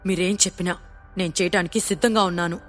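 A woman voicing a scared male henchman in an audio story, begging and quick to obey. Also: on the low side, fairly even intonation, fairly bright tone, faint music behind. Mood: pleading. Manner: pleading, eager to obey. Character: frightened pleading male henchman.

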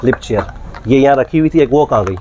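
A man plays a pushy shopkeeper in a prank. He talks in a mid-pitched voice, insistent and accusing as he haggles over a bill. It is recorded in a shop. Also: lively intonation, fast talker, highs cut off, noisy background. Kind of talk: hidden-camera prank, accusing a customer. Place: cosmetics shop, indoors.

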